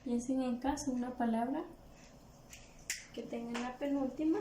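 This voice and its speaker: A woman teacher with a Guatemalan Spanish accent speaks in a slightly high voice, walking young pupils patiently through a review lesson. The room is echoey, with a faint hum of background noise. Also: fairly even intonation, moderate pace, far from the mic. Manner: patient, explains step by step to pupils. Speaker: primary school teacher. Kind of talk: recorded remote review lesson for children.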